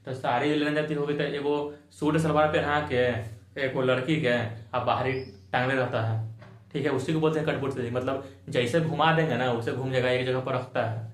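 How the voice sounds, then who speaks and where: A man teaches a chapter for board exams in loose, colloquial speech. He keeps asking his own questions and answering them, drilling the points. His mid-pitched voice rings in a roomy, echoey space. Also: steady tone, normal speed. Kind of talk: exam-focused chapter explanation. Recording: echoey room.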